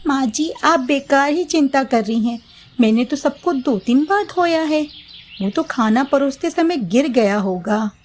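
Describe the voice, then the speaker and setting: A woman's voice: sits high, animated, unhurried, pitched above the performer's own voice. A woman voicing a lazy, scheming young daughter-in-law in a storybook, sweet-talking and dismissive. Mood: sweetly evasive. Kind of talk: storybook voice acting.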